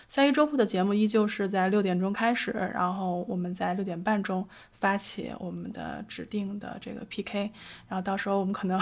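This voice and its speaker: A woman's voice: mid-range voice, gravelly. Earnest woman livestream host, thoughtful. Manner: reflective, earnest, with frequent hesitations. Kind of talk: spoken show announcement.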